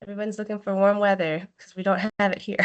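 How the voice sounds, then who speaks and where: A woman's voice: mid-range voice, normal speed, muffled recording. A woman on a video call who reads chat replies aloud and cheers each one on in an upbeat, encouraging way. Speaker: meeting co-facilitator. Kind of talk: casual online meeting chat.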